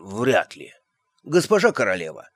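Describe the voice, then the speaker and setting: A man's voice: lowish voice, wildly swooping pitch, a little slow, a bit bright, no room sound, full character voice. Timid, weak-voiced young servant lad, read by a man, dry sound. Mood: nervous. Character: nervous young male castle servant.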